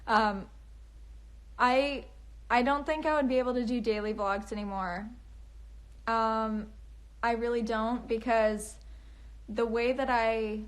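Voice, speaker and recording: A young woman chatting on a casual livestream from home, talking in a nervous valley-girl way with lots of fillers and restarts. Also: fairly high pitch. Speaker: author livestreaming to fans. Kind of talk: casual livestream chat, reading comments. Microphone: phone.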